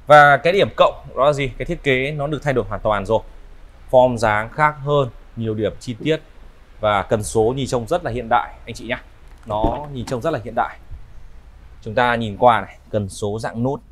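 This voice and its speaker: A man in his thirties with a northern Vietnamese accent gives an unscripted used-car sales walkaround in smooth, polite, repetitive patter. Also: mid-range voice. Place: large indoor car showroom. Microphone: clip-on lapel mic.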